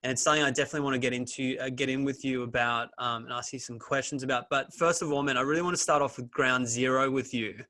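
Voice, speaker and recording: A man's voice: mid-range voice, fairly even intonation, fast talker, hardly any pauses, bright, forceful tone. A man hosting a casual interview, easygoing and encouraging, phrasing questions hesitantly with fillers. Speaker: podcast host.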